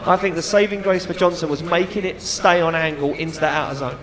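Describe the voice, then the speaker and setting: A man's voice: a little high, fairly even intonation, fast talker, poor audio. A middle-aged man doing live motorsport commentary and chat, emphatic and enthusiastic, repeating phrases for effect. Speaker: motorsport event commentator and announcer. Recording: crowd noise behind trackside commentary. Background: event crowd.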